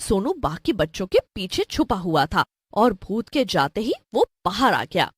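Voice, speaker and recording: A woman narrating a cartoon story in an expressive, lively storybook style. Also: mid-range voice, unhurried, breathy edge, no room sound, studio quality.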